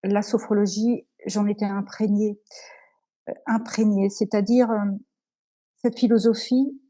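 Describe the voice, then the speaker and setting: A woman giving an earnest, emotional personal testimony as an interview guest, halting with many pauses and restarts. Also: medium pitch, little pitch movement, dark tone.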